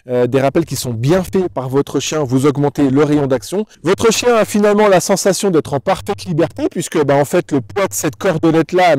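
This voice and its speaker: Man, higher-pitched voice, dry close sound, dog trainer, didactic tutorial delivery, direct address. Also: a little mellow, no room sound. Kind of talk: instructional explanation to camera.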